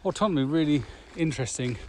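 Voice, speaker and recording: A corporate trainer co-hosts a podcast while walking outdoors, with faint traffic noise around him. His talk is casual and reflective. His voice is fairly high with lively intonation, and his pace is quick.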